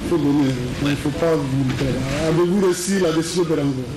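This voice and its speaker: A man presiding in a military courtroom, questioning defendants briskly and repeating his questions sharply. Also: on the high side, steady tone, crowd noise, low-quality recording.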